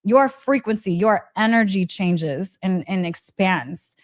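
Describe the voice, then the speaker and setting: Hosting a casual motivational storytelling live stream, a spiritual teacher talks at a slow pace in a medium-pitched voice with lively intonation. She's chatty, gushing and emphatic, repeating phrases and speaking directly to listeners, often checking in with questions.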